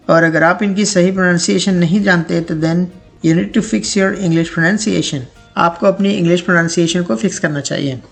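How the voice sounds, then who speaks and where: A man teaching a pronunciation lesson, repeating each word slowly several times so listeners can copy it. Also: sits high, vocal fry.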